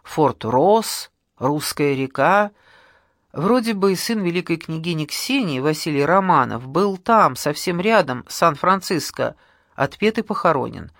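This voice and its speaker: An audiobook narrator reading a novel in a calm, measured way. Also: medium pitch, no room sound, studio quality. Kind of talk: scripted narration.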